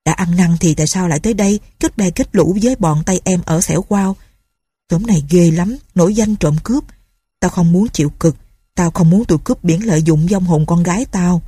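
Woman voices an old peasant man, desperate and bitter, low and husky, dry storybook read. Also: fairly quick, warm tone, dry recording. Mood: lamenting. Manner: lamenting, fearful.

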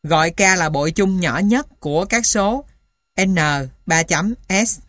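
A woman reading scripted material as dictation, piece by piece, in a measured, matter-of-fact way, like an instructor. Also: on the low side, a bit bright, no echo, clean studio sound. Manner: dictating symbols and punctuation one piece at a time. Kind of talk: scripted dictation of maths formulas.

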